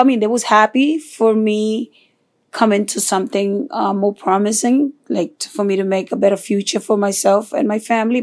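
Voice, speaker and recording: A soft-spoken woman from Honduras, answering interview questions in a hesitant, unhurried way full of fillers. Her voice has a gravelly edge, and her pitch sits in the middle of the range. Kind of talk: oral history interview.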